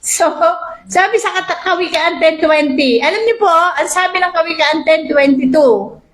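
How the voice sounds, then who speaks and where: A woman preacher giving a lively sermon, reading Bible verses and often asking the congregation "di ba?". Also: extremely high pitch, moderate pace. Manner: asks the congregation "di ba?" often, animated. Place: church hall. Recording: echoey church hall.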